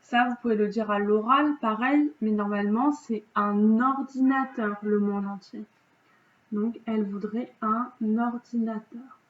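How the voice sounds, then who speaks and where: Slow, patient woman teacher. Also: a little high, steady tone. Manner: slow, patient, explains step by step with checks. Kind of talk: remote vocabulary lesson correction. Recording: dull lo-fi home recording.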